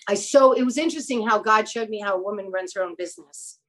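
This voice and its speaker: A woman's voice: medium pitch, fast talker, rough recording. A woman, a guest who acts and runs a clothing store, telling rambling anecdotes in a casual interview. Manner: animated, rambling anecdotes with quoted dialogue.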